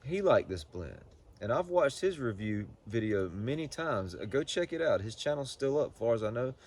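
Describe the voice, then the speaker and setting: A man giving a casual, unscripted product review in a halting, folksy way, often repeating words as he goes. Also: mid-range voice, very animated, darkish tone. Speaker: pipe tobacco reviewer.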